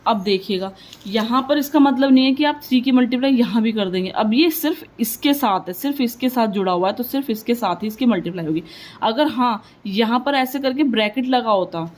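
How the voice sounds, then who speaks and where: A woman's voice: fairly high pitch, fairly quick, a little mellow, low-quality recording. A woman teaching a maths lesson step by step, working the sums aloud and asking and answering her own questions as she goes. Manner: mixes English words into Hindi explanation.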